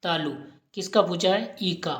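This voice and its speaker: A woman's voice: on the low side, unhurried. A woman teacher giving an exam-prep lesson, asking questions and repeating each answer aloud. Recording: roomy echo.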